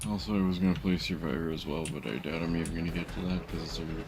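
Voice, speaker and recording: Male game streamer, blunt and sarcastic, low gravelly voice. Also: fairly even intonation, very fast, background noise. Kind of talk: casual live-stream chat.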